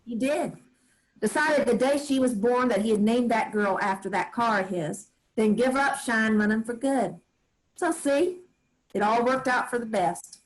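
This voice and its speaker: In a staged play reading, a woman takes on the role of a homespun grandmother who drawls out family stories with fondness. Her voice sits a little high and near everyday speech, paced in a measured way, and the recording is low quality.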